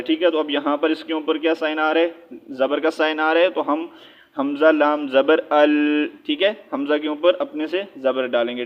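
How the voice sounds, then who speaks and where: A man teaching a Quran recitation lesson step by step. He explains briefly, checks in with listeners often, then recites slowly with long drawn-out syllables. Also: a little high. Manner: checks in with frequent "theek hai". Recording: dull lo-fi recording.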